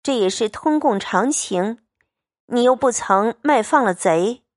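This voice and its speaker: Storybook part: woman voicing a calm, sensible young lady, a touch higher, dry close read. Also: unhurried, no room sound. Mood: composed. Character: composed, tactful young noblewoman.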